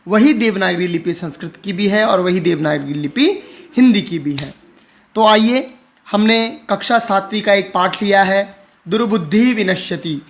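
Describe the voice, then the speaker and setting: A man teaching how to read and pronounce Sanskrit, explaining patiently and repeating words for the learner. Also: high voice. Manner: slow, deliberate chanting of Sanskrit lines. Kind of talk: explaining reading and pronunciation.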